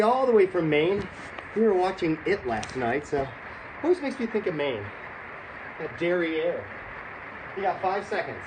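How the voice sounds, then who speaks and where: An aerobics instructor leading a home workout, calling out cues and countdowns with encouraging, directive short commands. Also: medium pitch. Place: indoors at home, room with low ceiling. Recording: echoey room, loud background noise.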